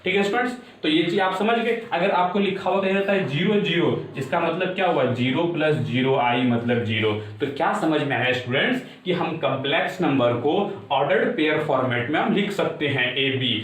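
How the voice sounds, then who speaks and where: A male maths teacher explains complex numbers in a fairly high voice, often stopping to ask the class whether they follow. He sounds distant from the mic, in a very echoey room with a faint hiss behind him. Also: brisk, few pauses, fairly bright tone. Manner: repeatedly addresses students and checks understanding. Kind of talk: classroom-style video lesson.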